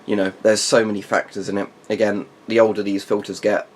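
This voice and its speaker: A man with a fairly low voice talks through a product review off the cuff. His explanations are informal and wander into asides. A little noise sits behind the voice. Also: level tone, fairly quick, poor audio. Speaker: military surplus gear reviewer. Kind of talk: casual unscripted product review. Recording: faint background noise.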